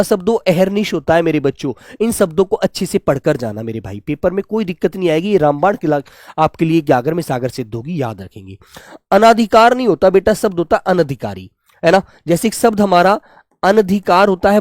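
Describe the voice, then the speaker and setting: Higher-voiced man teaching Hindi spelling. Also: dry recording, studio quality. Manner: affectionate, repeatedly calls students "my dear children" and "beta"; rises loud on each new word, then drops soft and low on the reminder. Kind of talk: exam-prep spelling lesson.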